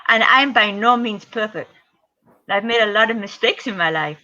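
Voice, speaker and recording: A woman's voice: medium pitch, normal speed, sharp tone. A middle-aged woman speaking in a casual interview as a guest, upbeat and earnest, with the odd um. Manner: upbeat and earnest, with a few ums. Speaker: interview guest, ultra-distance triathlete. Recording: dull lo-fi sound.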